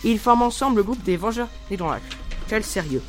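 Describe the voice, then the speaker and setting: A man's voice: high-pitched, expressive, fairly quick, soft background music. A teenage boy presenting a superhero column on a school radio show, hesitant, with mock-serious asides. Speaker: student columnist.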